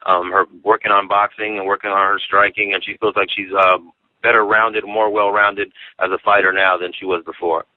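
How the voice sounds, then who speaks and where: A man's voice: on the low side, flat delivery, moderate pace, no room sound. A man interpreting on a press call, relaying questions and answers. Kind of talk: consecutive interpreting. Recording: dry, muffled phone line.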